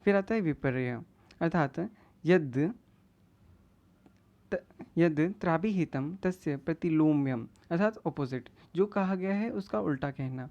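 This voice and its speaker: A woman with a low, mellow voice gives an exam-prep lecture, reading out each classical term and then explaining it in plain everyday words. The audio is dull and lo-fi. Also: lively intonation, takes it slowly. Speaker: teacher.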